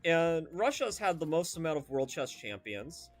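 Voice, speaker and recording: A man's voice: a little high, very animated, moderate pace, faint music behind. A young man streaming a video game, chatting casually and rambling off into tangents with lots of fillers. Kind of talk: casual gameplay commentary.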